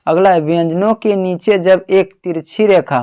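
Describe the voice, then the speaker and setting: A man runs an exam-prep grammar lesson in a slightly high voice. He asks each question aloud, then answers it and repeats it for the student. He sounds out syllables and keeps ending with a reassuring "okay". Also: normal speed, warm tone. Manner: calls the listener "babu", sounds out syllables. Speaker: teacher.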